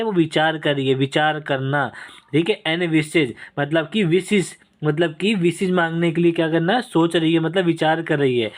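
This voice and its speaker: A man teaches vocabulary in a recorded online lesson. His voice sits a little high, and he works through each word with slow, repeated examples. He keeps checking in with the viewer as he explains.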